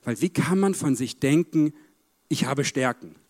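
A man preaching a sermon in an emphatic way, dropping to a hush and then lifting his voice again. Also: mid-range voice, lively intonation, unhurried.

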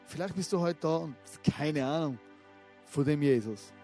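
A man preaching a sermon in a conversational, lively way, often asking the listeners direct questions. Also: fairly high pitch, normal speed, soft background music.

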